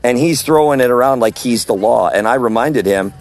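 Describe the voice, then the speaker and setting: A loud-voiced street preacher records an audio message on his phone while walking through an outdoor farmer's market. His mid-range voice moves a little fast, delivered in a forceful preaching cadence.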